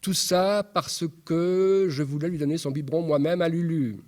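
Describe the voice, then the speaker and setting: A man's voice: on the high side, fairly even intonation, a little mellow, pitched above the performer's own voice, natural voice. A man reading a stage monologue as an angry, distraught young mother who fires off outraged questions. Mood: outraged, agitated. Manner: raw, outraged, rapid-fire questions.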